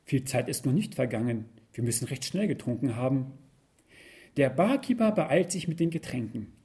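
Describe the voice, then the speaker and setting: A man reading a first-person story aloud with wry, expressive storytelling. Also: mid-range voice, normal speed. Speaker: narrator.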